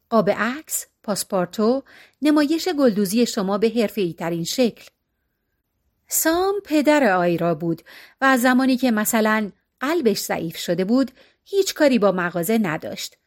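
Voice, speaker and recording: Lively woman narrating a story. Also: fairly high pitch. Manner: steady storytelling with expressive shifts. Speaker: audiobook narrator.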